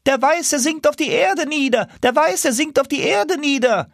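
A man voicing a flock of wild geese with shrill, mocking calls, very high above his own voice. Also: measured pace, creaky, no room sound, studio quality, heavily acted. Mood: urgent calling.

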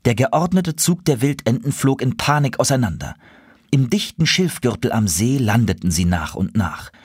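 A man reading a children's story aloud, calm and expressive. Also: medium pitch, normal speed, slightly rough, no echo, studio quality.

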